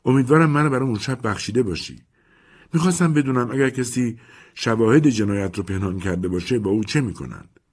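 A man voicing a frightened, volatile woman in an audiobook, pleading and high-strung, with a husky edge to the voice. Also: darkish tone, close to an everyday voice. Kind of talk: audiobook character voice.

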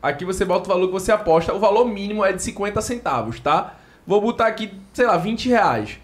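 High-voiced joking podcast host. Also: male voice, expressive, quick pace. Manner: playful, joking, explains step by step. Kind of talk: casual sponsor read.

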